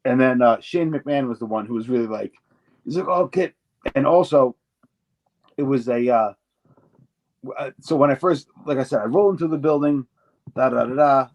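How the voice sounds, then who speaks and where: A man's voice: medium pitch, moderate pace, pauses often, a little mellow, lo-fi sound. A middle-aged man in an interview, telling stories in a rambling way, swearing freely and acting out the voices of people he quotes. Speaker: interview guest, former wrestler. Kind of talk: casual storytelling.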